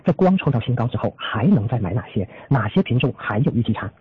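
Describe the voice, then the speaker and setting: This man has a husky, sing-song, mid-range voice and talks fast, with no echo. As chief strategist hosting an investor call, he delivers prepared market analysis formally, often ending phrases with a trailing "a", all through tinny phone-line conference audio.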